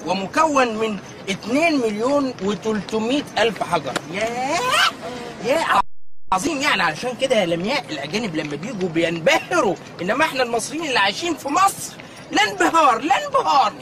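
An eager, bookish history teacher. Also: male voice, very high-pitched, sing-song, fast, background noise. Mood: lecturing. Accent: Egyptian Arabic. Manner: lectures eagerly, coaxing and pleading. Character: earnest, bookish young male history teacher, sweet-talking. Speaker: history teacher on an outing with his fiancée.

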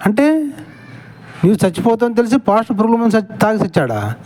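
A man's voice: sits high, big pitch swings, fast talker, darkish tone. A man commenting on a played clip in casual talk, sarcastic and impatient with his questions.

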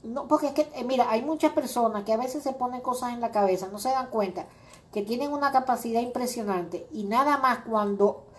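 A middle-aged woman with a brisk, somewhat high voice runs a crafting video. Greeting viewers by name, she keeps the livestream chat casual and rambling, with lots of fillers.

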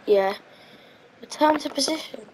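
A woman with a slightly raised pitch talks through her gameplay in a casual, meandering way. She hesitates often, filling gaps with ums. Her voice sits over a faint background hum. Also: lively intonation, unhurried, a little mellow, poor audio. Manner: chatty, hesitant, thinking aloud with frequent ums. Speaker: gaming channel host.

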